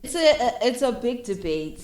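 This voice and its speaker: Her voice sits on the high side at a moderate pace, with slight background noise. She's a young South African filmmaker guest in a relaxed conversation, mixing isiZulu with English and animatedly performing the voices of people in her anecdotes.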